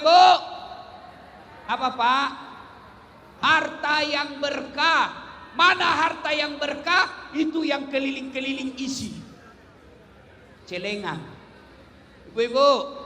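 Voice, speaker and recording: A male preacher, giving a lively sermon that teases the crowd and asks them questions. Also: high-pitched, slight background noise. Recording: echoey hall.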